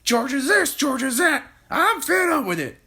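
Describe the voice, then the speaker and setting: A storyteller voicing a horrid, greedy old grandmother who screeches and yells with fury. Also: sing-song, normal speed, heavily acted. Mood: raging. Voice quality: shrill, screeching. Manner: yelling, shouting. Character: horrid ancient giant grandmother, furious and greedy. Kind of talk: storybook read-aloud.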